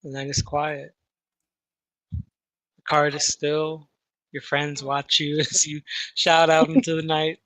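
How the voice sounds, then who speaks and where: A man's voice: on the high side, completely flat delivery, slow, long pauses, a bit bright, no room sound, low-quality recording. A man running a tabletop game as game master, narrating scenes in an improvised way.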